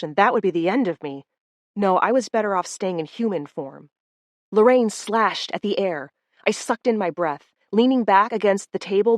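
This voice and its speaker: A woman narrating a first-person audiobook in a steady, expressive storytelling voice. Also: medium pitch, dry recording.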